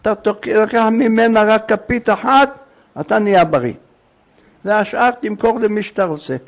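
A shrewd street peddler hawks his cures and drives a hard bargain, voiced by a storyteller. His voice is high and gravelly. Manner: hawking, bargaining.

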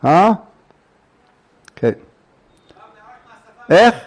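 A man's voice: sits high, big pitch swings. A man teaching a religious lesson, telling a story in short clipped phrases and prodding his listeners with questions.

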